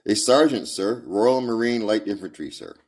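A man voicing a gruff, curt retired male marine sergeant in a storybook reading, with a raised, louder voice. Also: lowish voice, expressive, moderate pace, pitched above the performer's own voice. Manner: gruff, clipped.

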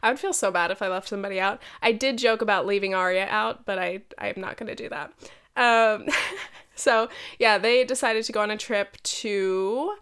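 Recovering from a head cold, this American woman in her 20s sounds nasal and congested, yet her medium-pitched voice is fairly bright and clean at a moderate pace. She hosts a solo podcast, chatting casually, slangy, sweary, and self-mocking.

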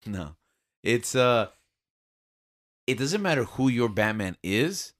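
A man co-hosting a casual podcast at an ordinary male pitch. He talks earnestly and emphatically and states firm opinions. His delivery is conversational and unhurried. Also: big pitch swings, fairly bright tone. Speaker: podcast co-host. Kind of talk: casual chat.

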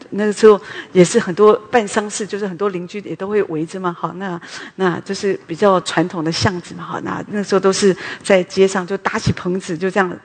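A middle-aged woman giving a personal testimony sermon at a prayer meeting, chatty and often ending phrases with a soft "ha". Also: mid-range voice, slightly rough. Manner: conversational, tags sentences with a soft "ha". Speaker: preacher at a women's morning prayer meeting. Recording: long hall reverb.

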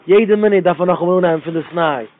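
A man's voice: high voice, quick pace, slight background noise. Tinny, phone-like, emphatic religious talk from a man. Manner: repetitive and emphatic, circling back to phrases. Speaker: religious speaker. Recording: tinny phone-line sound.

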